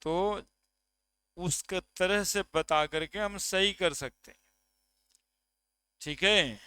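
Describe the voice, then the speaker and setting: A man's voice: high-pitched, slow, bright, forceful tone, clear, resonant tone. A man from India teaching a chemistry class, counting atoms aloud and checking with his students. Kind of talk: classroom lecture.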